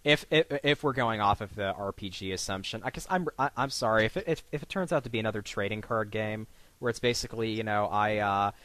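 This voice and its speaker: A man's voice: fairly low pitch, quick pace, a bit bright, no room sound. A man hosting a casual podcast chat, rambling and restarting his sentences, often breaking into laughter. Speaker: podcast host.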